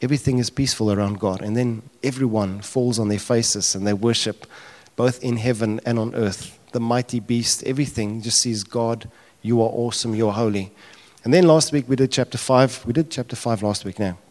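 A pastor preaches a sermon with passion, his mid-range, darkish voice moving a little fast with hardly any pauses. As he retells the scene, he builds to emphatic cries when voicing prayers. The long reverb of a large hall surrounds him.

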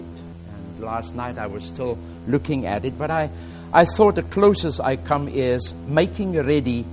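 A guest preacher, a man whose first language is Afrikaans, speaks with a South African accent at a medium pitch. His sermon is relaxed and halting, full of fillers, and he reads scripture aloud more loudly. The recording is rough.

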